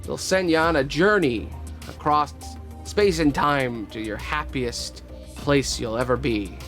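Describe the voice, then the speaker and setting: A man voicing a creepy, menacing old woman who sells pastries, sneering and cold under a wheedling sales pitch. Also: unhurried, fairly bright tone, faint music behind.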